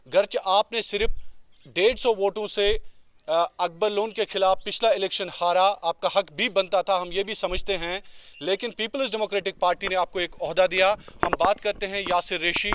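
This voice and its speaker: A man's voice: high-pitched, a bit bright, clean tone, no echo. A man, a news interviewer doing an outdoor field interview. He presses his guest and cuts in with challenging questions.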